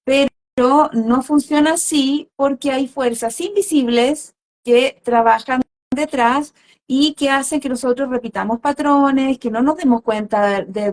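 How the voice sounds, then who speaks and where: A woman talks in a calm, reflective way, as if explaining something in a conversation. Her voice sits a little high. She pauses often with fillers and checks in with tag questions. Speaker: holistic therapist.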